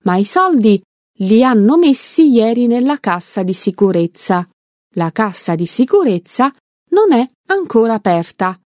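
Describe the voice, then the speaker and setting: A woman voicing a polite, calm male bank cashier in a read-aloud story. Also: a little high, unhurried, no echo, studio quality. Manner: polite and stalling.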